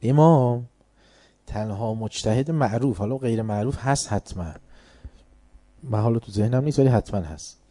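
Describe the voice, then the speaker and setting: A man's voice: fairly low pitch, warm tone, no room sound. A man giving an informal religious lecture in colloquial speech, teaching by asking rhetorical questions and answering them himself.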